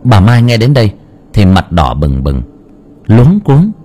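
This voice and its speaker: A man narrating an audiobook with steady storytelling. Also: fairly low pitch, a little slow, slight background noise.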